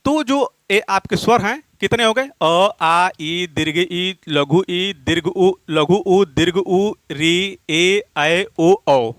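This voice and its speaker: A man's voice: a bit bright, dry recording. A male teacher giving a grammar lesson. He asks his own questions, answers them and repeats the key points. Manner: drops low and slows down on answers, counts aloud.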